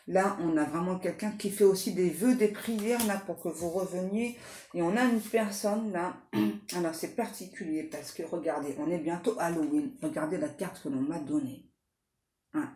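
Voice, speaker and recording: A woman's voice: on the low side, normal speed, a little mellow, reverberant. A woman doing a casual tarot card reading, talking in a chatty way full of fillers and restarts.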